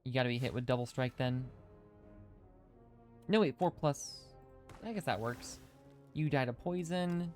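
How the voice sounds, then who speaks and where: A man's voice: medium pitch, unhurried, pauses often, darkish tone, faint music behind. A man live-streaming a video game, thinking aloud through his moves and chatting with viewers, with his speech a little hindered by dental retainers. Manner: thinking aloud, chatty, reads chat comments. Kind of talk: casual live-stream commentary.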